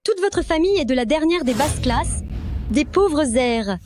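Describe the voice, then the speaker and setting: Lin Yinuo, a high sneering schemer. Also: female voice, lively intonation, unhurried, darkish tone, faint music behind. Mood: scornful. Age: young adult. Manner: contemptuous, shrill. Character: arrogant young woman, scheming fake boss's wife. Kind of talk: French drama dubbing.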